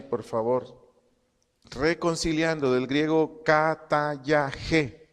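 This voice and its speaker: A man preaching a sermon to his congregation, slow and emphatic, repeating his phrases and dictating punctuation as he teaches. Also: mid-range voice, big-room sound. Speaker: pastor. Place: church congregation hall.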